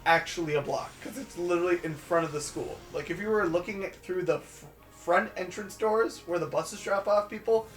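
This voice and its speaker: A young man chats casually while commentating a game, wandering through childhood stories with plenty of "like" and "um." His voice sits a little high. Faint music plays beneath. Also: fairly quick, roomy sound. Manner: rambling storyteller with many fillers. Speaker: let's play co-host. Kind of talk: casual gaming commentary chat.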